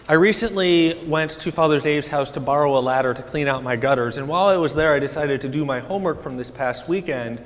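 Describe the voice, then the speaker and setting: A man co-leading a conversational homily, earnest and gently teasing as he asks questions. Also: on the high side. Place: large church. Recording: reverberant church hall.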